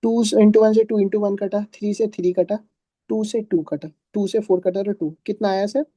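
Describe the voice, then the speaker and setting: A male teacher with a high-pitched, dark-toned voice gives a live classroom math lecture at a moderate pace and steady tone, with no echo. He patiently asks his students questions and answers them himself in a talky way, calling them "beta."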